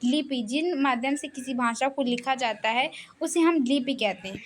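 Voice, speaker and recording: A woman with a slightly high voice gives an exam revision lesson, checking in with listeners again and again. She slows right down to sound out each letter clearly. A faint background noise sits under the recording. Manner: repeats key terms, says "theek hai" often. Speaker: teacher.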